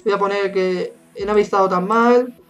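A woman's voice: mid-range voice, brisk. Spanish gamer woman in her 20s, live play-by-play, hot-headed and foul-mouthed, faint music underneath. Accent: Spain Spanish. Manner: excitable, swears often, rants at the referee. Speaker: gaming YouTuber. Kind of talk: live gameplay commentary.

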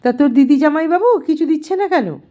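A woman's voice: high voice, lively intonation, brisk, mellow, pitched above the performer's own voice. A woman voicing an irritable, sarcastic housewife who talks curtly and with a raised voice. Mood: irritated. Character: sharp-tongued middle-aged housewife, irritable and sarcastic.

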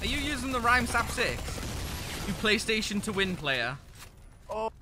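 High-voiced, foul-mouthed male game streamer. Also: noisy background. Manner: profane, excitable, quick to rant. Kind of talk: live gameplay commentary with chat. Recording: game gunfire clearly heard behind the voice.

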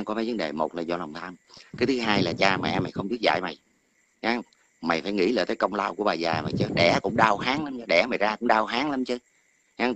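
A middle-aged man calls in to an online talk and scolds someone at length, often repeating words as he hunts for the next one. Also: low-pitched. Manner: berating, repeats words while searching for them. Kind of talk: heated scolding rant. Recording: noisy line with clicks.

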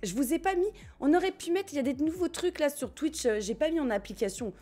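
Fast-talking and high-pitched, a French woman with a warm, expressive voice live-streams a game against background game music. She giggles, chats easily, swears casually and responds to her viewers.

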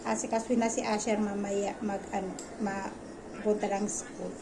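A woman in her thirties, a mother vlogging casually from her home kitchen, chatty and soft-spoken. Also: mid-range voice, flat delivery, moderate pace, noisy background. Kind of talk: casual home vlog chat.

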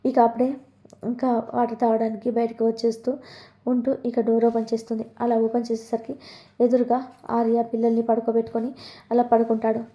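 A woman's voice: on the high side, monotone, a little fast, highs cut off. A woman retelling a TV serial episode in a plain, repetitive storytelling manner.

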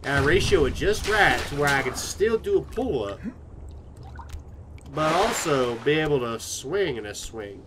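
A man's voice: on the high side, very animated, a little slow. A man thinking aloud in a frustrated, rambling way during live gameplay commentary, with a put-on Southern US drawl, recorded at home. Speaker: gaming streamer. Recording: noticeable background noise.

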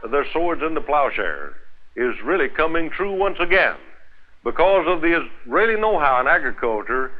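Middle-aged male farm broadcaster, earnest speech, slightly high, thin tinny recording. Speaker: agriculture broadcaster. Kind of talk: earnest interview statement. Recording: thin phone-like old film sound.

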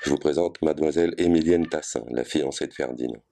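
Guy reading a polite young man, easygoing, keeps things calm, deep voice. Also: quick pace, creaky. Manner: polite, conciliatory. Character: conciliatory young man, escort.

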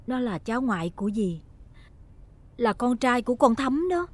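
A woman's voice: fairly high pitch, big pitch swings, moderate pace. An actress playing a kind, humble woman with a southern Vietnamese accent in a television drama. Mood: tearful pleading.

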